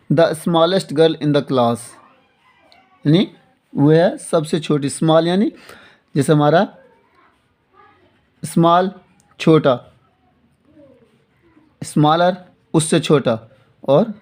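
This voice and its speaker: A man teaching English grammar in Hindi, explaining slowly, repeating his points and often checking that students follow. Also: fairly high pitch, a little mellow. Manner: slow and repetitive, often asking "theek hai na". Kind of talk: classroom-style lesson explaining in Hindi with English examples.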